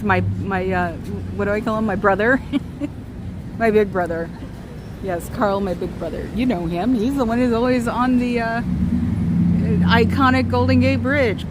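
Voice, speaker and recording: A woman with a voice on the high side livestreams outdoors on a San Francisco street, chatty and digressive, calling out to passers-by even as her voice fails her. The street recording carries traffic noise.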